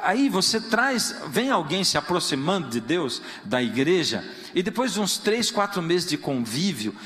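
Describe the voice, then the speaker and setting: A man's voice: high voice, sing-song, measured pace, fairly bright tone. A man, a pastor, preaching a sermon in a church, telling stories playfully and acting out quoted prayers in other voices. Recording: long reverb of a church hall.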